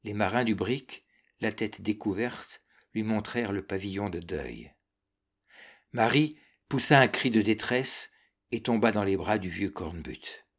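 Man, audiobook narration, classic novel, measured, expressive, lowish voice. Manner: measured, expressive reading that darkens and softens in sad passages.

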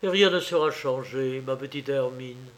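A man reading an audiobook, voicing a distraught baroness who pleads through tears, lifting his voice higher for her. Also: normal speed, lightly acted. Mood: anxious. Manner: pleading, tearful. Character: distraught emotional woman, a wealthy baroness.

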